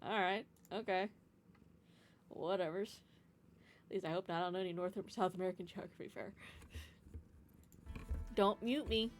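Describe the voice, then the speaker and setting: A woman's voice: lowish voice, steady tone, moderate pace, long pauses, faint music behind. A woman chatting casually as she plays a game on a stream. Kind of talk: casual chat while playing a game.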